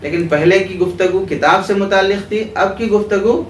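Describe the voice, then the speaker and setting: A man teaching a class in a religious school with an Urdu accent, explaining terms and asking his students questions, then repeating their answers. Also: sits high. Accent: Pakistani Urdu. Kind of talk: classroom lecture with call-and-response questions. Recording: roomy echo, distant mic, clear background noise.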